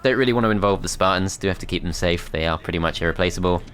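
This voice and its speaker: A man's voice: low voice, very fast, fairly bright tone, soft background music. A man commentating his strategy game as he plays, thinking aloud in a tentative, self-critical way. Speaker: gameplay commentator.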